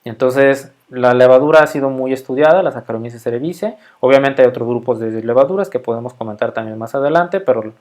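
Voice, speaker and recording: A man's voice: mid-range voice, fast talker, few pauses, darkish tone. A middle-aged Mexican man with a Mexican Spanish accent, giving a casual microbiology lecture full of fillers and frequent check-ins with his students.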